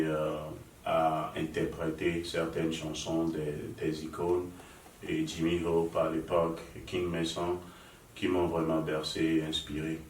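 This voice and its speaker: A man, answering interview questions as a guest musician, in halting, hesitant phrases. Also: extremely low pitch. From Nigerian father, raised in Lomé, Togo. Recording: echoey room, mic far off, faint noise.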